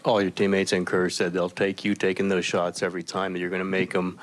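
A man's voice: low-pitched, monotone, brisk. A male reporter asking long, rambling questions at a press conference.

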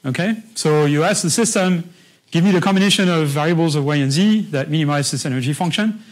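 Speaking fast in a slightly high voice on a rough recording, a man gives a university lecture. His style is patient and conversational, with many false starts and frequent check-ins with the students.

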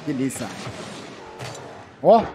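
A man's voice: medium pitch, expressive, extremely slow. A man with a Brazilian accent talking casually to his teammate during a video game, in short, often repeated exclamations. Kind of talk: casual gaming chat with a teammate. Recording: game music behind the voice. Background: game music.

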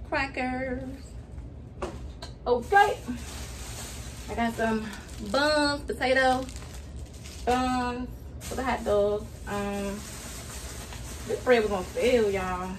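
A young mother who vlogs chats with her viewers, calling them "y'all," as she unpacks grocery bags in her kitchen, hot and sweaty. Her voice sits a little high, and she speaks slowly with long pauses. It's a casual grocery haul, picked up from a distance by a camera on the counter in a noisy room.

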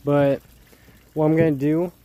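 A man's voice: on the high side, measured pace. Laid-back man vlogging from his backyard. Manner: relaxed, rambling, plainspoken talk to viewers. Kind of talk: casual DIY vlog narration. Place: outdoors in a backyard.

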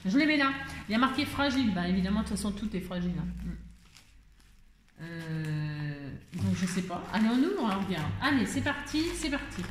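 A woman's voice: mid-range voice, sing-song, a little fast, echoey room, a little hiss or hum. A woman vlogger chatting casually and exclaiming as she unboxes crafts, talking to her viewers and to herself.

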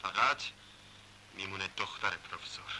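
A man's voice: sits low, sharp tone, rough recording. An actor playing a menacing male gang leader who gloats and threatens in a dubbed 1960s film. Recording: hissy old film soundtrack.

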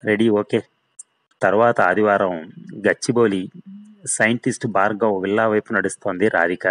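A man narrating a thriller story in a steady storytelling manner. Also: fairly low pitch, moderate pace, no echo, poor audio. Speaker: story reader.

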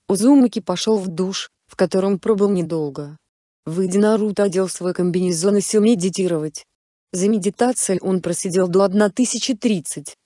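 Mellow-voiced woman reading a story. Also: mid-range voice, dry recording, clean studio sound. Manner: even, unhurried storytelling, voicing all characters in her own voice. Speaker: narrator. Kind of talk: reading a fan fiction story aloud.

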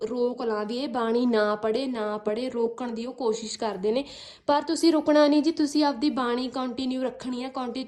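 A woman talks listeners through spiritual practice in a fairly high voice. She is earnest and patient, repeats her points and adds polite "ji" as she goes. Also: darkish tone. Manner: earnest, repetitive, coaxing with frequent "ji". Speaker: spiritual speaker. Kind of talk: devotional advice talk.

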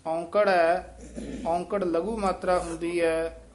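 A man teaching the correct pronunciation of scripture, patiently correcting students and modeling each word slowly. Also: sits high, level tone, slight background noise. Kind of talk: pronunciation instruction.

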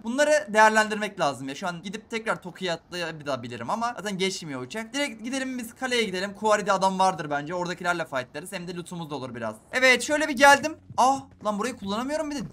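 A young man giving live commentary while playing a shooter game, excitable and talking straight to his viewers, dropping to a hush and then bursting out loud. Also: sits high. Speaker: gaming YouTuber.

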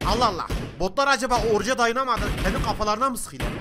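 Fast high bright man with Gaziantep accent. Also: expressive, noisy background. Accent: Gaziantep Turkish. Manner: joking, rambling tall tales, bursts of shouts. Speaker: gaming comedy host. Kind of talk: comic gameplay banter in local dialect.

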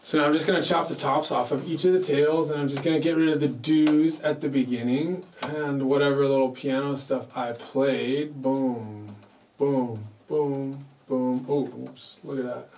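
A man's voice: a little high, fairly even intonation, normal speed, hardly any pauses, darkish tone. A man casually vlogging in his home studio, chatty and joking at his own expense. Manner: playful, chatty, jokes at himself. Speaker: music producer. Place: home recording studio with mixing desk. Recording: distant mic, faint background noise.

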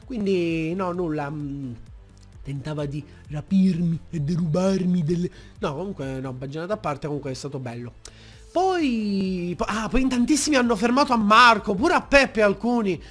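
A young man, telling a story on his vlog from a desk mic at home, acting out shouting fans. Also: normal speed, soft background music. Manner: animated, acts out shouting fans in high yells. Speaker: YouTuber. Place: room at home. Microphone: desk mic with pop filter.

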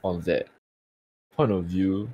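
A man's voice: sits low, steady tone, slow pace, dull audio, crowd noise. A man with a tired-sounding voice, chatting casually on a podcast and swearing freely. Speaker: streamer and podcast co-host.

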